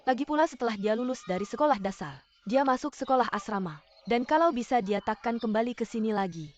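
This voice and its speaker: A woman's voice: a little high, animated, fast talker, a little mellow, lightly acted. A woman dubbing a teasing, fond elderly orphanage nanny in a television drama, chatty in manner. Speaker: dubbing actress. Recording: dull sound, music behind.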